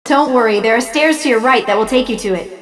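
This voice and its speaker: A woman's voice: fairly high pitch, fast talker, natural voice. Woman playing a poised goddess, echoing. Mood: composed, guiding. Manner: composed, explanatory, reassuring. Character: poised, kindly guiding goddess of light. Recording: roomy, distant, long reverb.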